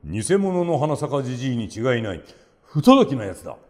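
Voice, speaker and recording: A man voicing a proud, commanding feudal lord in a folk tale, loud and imperious. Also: fairly high pitch, big pitch swings, a little slow. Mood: angry. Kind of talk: storybook reading.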